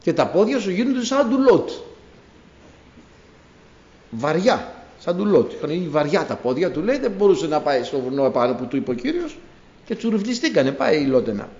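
Animated male preacher in echoey hall. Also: on the high side, pauses often. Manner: animated storytelling, acting out biblical scenes. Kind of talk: sermon. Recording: echoey room, dull lo-fi sound.

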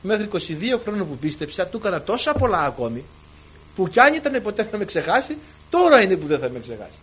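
A middle-aged man preaching to a congregation, telling his own testimony, swinging from hushed words to cries. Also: sits high, sing-song, slightly rough. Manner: impassioned, swings from hushed to shouting. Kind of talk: sermon with personal testimony. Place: church hall with congregation.

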